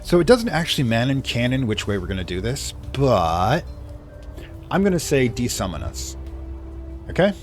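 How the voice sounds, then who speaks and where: A man's voice: mid-range voice, wildly swooping pitch, normal speed, faint music behind. A man doing casual game commentary, rambling and thinking aloud as he plays. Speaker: let's play commentator.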